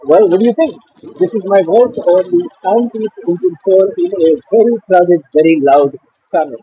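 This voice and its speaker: A fairly high-voiced man chats casually while walking, picked up by a wireless earbud microphone. The sound is dull and lo-fi, with faint street noise around him in a busy outdoor spot. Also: moderate pace. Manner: casual, talking as he walks. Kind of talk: mic test while walking. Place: busy outdoor market and traffic tunnel. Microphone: wireless earbud mic.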